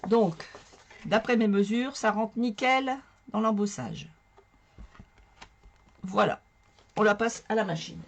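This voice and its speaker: A woman with a hoarse, strained voice explaining a card-making tutorial in a chatty, self-mocking way as she works. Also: mid-range voice, takes it slowly, pauses often. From northern France. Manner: chatty, talks to viewers while working, self-mocking. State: hoarse from a sore throat. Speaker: craft tutorial host. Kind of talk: casual crafting tutorial.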